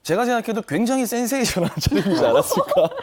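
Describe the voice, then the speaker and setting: A man's voice: very high voice, very animated, quick pace, slight background noise. A man presenting a quiz segment on a TV talk show, building up to reveals with an upbeat delivery.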